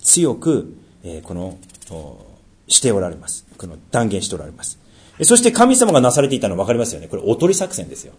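A man preaching a sermon as pastor. He asks rhetorical questions and swings from loud emphasis to near-whispers. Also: lowish voice, wildly swooping pitch, brisk.

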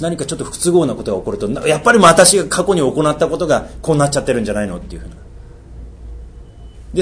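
A pastor with a medium-pitched voice preaches a sermon, posing rhetorical questions and swinging between loud emphasis and near-whispers. The recording has a little hiss or hum.

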